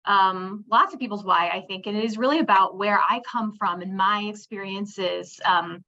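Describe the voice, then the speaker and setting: A woman's voice: medium pitch, moderate pace, bright, forceful tone. A woman in her forties from Pittsburgh presenting a webinar, reflective and full of fillers and restarts. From Pittsburgh, United States. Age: 40s. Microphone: video call. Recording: dull lo-fi webinar audio.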